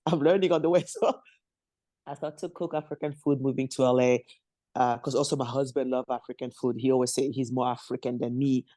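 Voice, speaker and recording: A woman's voice: extremely low pitch, fairly even intonation, a little fast, mellow, no echo. A woman from Congo, a guest on a podcast interview, telling her story in loose non-native English, laughing often and acting out the voices of people she quotes. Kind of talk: conversational interview.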